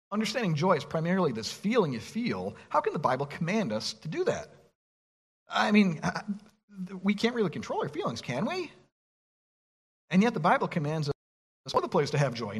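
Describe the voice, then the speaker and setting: Husky, animated man preaching. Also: fairly high pitch. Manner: animated preaching, reads scripture aloud, rhetorical questions. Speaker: pastor. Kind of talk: sermon.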